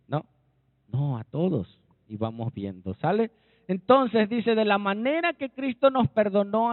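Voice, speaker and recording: A man with a Mexican accent preaches a sermon, emphatic and often checking in with the congregation. His voice sits a little high and swings between forceful lines and soft, dropped phrases. The recording is dry and thin, with a narrow phone-like sound. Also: dry recording. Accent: Mexican Spanish. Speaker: pastor.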